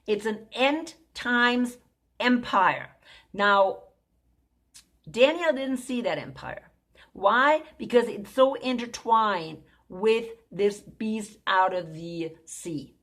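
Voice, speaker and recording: A woman's voice: mid-range voice, animated, slow pace, fairly bright tone. A woman giving an informal Bible prophecy lesson, talking conversationally, repeating her points and checking in with "okay?". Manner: conversational, keeps asking "okay?".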